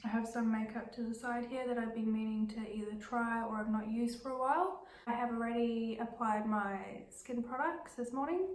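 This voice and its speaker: A woman in her twenties with a slightly high, nasal voice, stuffy from a cold. She chats casually through a makeup tutorial, drifting into little asides. The sound is echoey, with her voice set back from the mic in a room at home. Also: darkish tone, far from the mic. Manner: chatty, rambling asides. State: stuffy nose from illness. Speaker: beauty vlogger.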